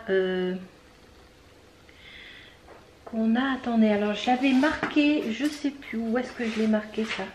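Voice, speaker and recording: A woman hosting a knitting video podcast from home, chatting casually with many fillers, pausing to search for words and things. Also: a little high, slight background noise. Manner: chatty, talks straight to viewers. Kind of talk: casual show-and-tell chat.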